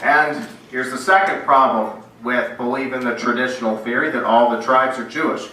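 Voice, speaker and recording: A man with a cough gives a relaxed Bible lecture, his bright voice reaching the mic from across a very echoey room. He talks plainly to a small audience and shifts into reading scripture aloud. The recording has faint noise behind it. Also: medium pitch, normal speed. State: bad cough, rough voice. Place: indoor meeting room. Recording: roomy, from a distance, noisy.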